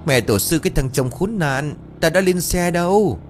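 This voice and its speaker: A man voicing a furious young woman in labor, shouting and cursing. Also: on the high side, expressive, moderate pace, slight background noise, voice pushed up, close to an everyday voice.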